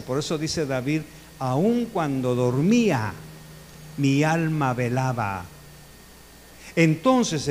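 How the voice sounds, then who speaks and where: A man preaching a sermon as pastor, animated, with emphatic questions put to the congregation. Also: a little high. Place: church sanctuary. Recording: long church reverb, faint hum.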